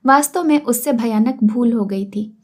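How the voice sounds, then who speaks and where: A woman reading a classic story aloud in a measured, literary narration. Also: on the high side.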